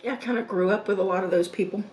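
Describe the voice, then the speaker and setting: A woman's voice: medium pitch, fairly even intonation, darkish tone, distant mic. A woman in her fifties chatting casually to viewers while she eats, musing aloud between mouthfuls and murmured mms. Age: 50s. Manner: eating while talking, with mm sounds and pauses. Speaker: mukbang host. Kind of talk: casual mukbang chat to viewers. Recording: roomy echo, background noise.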